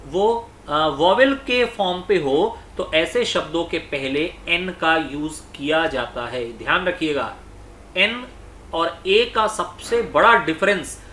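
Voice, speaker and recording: Man teaching slowly in an echoey room. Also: high voice, pushed and bright, a little hiss or hum. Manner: slow, repetitive explaining, reading example sentences aloud. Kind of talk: online exam-prep lecture.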